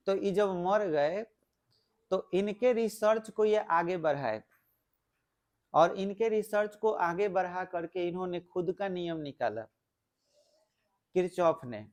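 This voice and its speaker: A man's voice: high voice, a little mellow. A male physics teacher, giving a classroom lecture, explaining step by step and asking the class questions.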